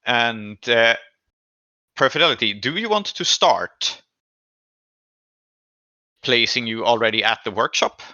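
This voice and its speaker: A man acting as game master improvises narration for a tabletop roleplaying session, describing the scene deliberately and pausing to find his words. His mid-range voice is very bright, forceful and animated. The audio is very dry, slightly dull, and free of echo.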